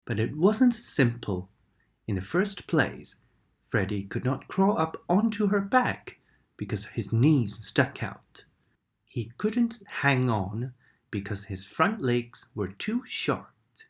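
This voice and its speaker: Reading a bedtime story aloud, a woman uses a very low voice that rises and falls with feeling. She goes slowly and sometimes slips into a whisper for the sad moments, giving an expressive, dramatic delivery.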